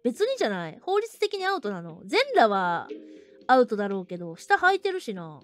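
A woman streaming a horror game, talking bluntly and roughly, laughing often and shouting at the scares. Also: medium pitch, sing-song, brisk, faint music behind. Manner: rough, blunt casual talk with frequent laughter; bursts into loud shouting at scares. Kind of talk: live horror game commentary.

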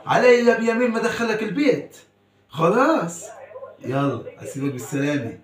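A man's voice: sits high, very animated, normal speed, echoey room, rough recording. A man, chatting with and teasing his small son, scolding playfully and laughing often. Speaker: father.

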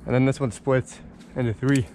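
A young man muttering halting, slangy commentary to himself as he exerts himself rock climbing outdoors. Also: medium pitch, steady tone. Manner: halting, talking to himself in short slangy phrases. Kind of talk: casual muttered self-commentary while climbing. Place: outdoors on a rock cliff face. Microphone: body-worn action camera. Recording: clear outdoor noise on action camera.

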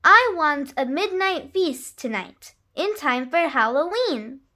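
A woman's voice: high voice, expressive, slow pace, pushed and bright, heavily acted. A woman voicing a vain, demanding spider queen from a children's storybook.

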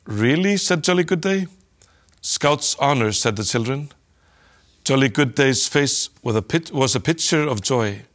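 A man reading a children's story aloud, telling it gently and lifting his voice a little for the children's lines. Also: mid-range voice, lively intonation, a little slow.

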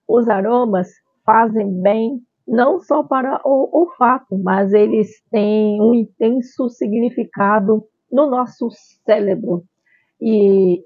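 A woman's voice: medium pitch, slightly rough, no echo. A middle-aged woman presenting an explanatory vlog as the channel's host. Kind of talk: explanatory vlog, partly read from a script. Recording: thin phone-like sound.

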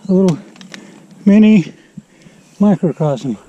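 Moving slowly through his words, a man with a high, animated, dark-toned voice vlogs a forest hike, relaxed and talking to the camera he carries. The action-camera audio comes across dull.

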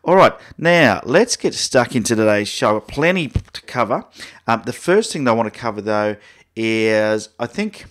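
A man's voice: medium pitch, very animated, moderate pace, a bit bright. A man with an Australian accent hosting a photography live stream, chatting casually and greeting viewers by name. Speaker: photography show host.

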